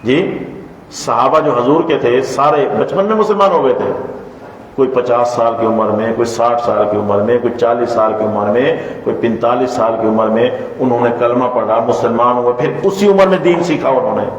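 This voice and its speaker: A man's voice: mid-range voice, dull audio. A man giving a religious lesson as a Quran teacher, earnest and pleading, who asks the audience questions and repeats the answers. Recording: echoey hall from far off, faint noise.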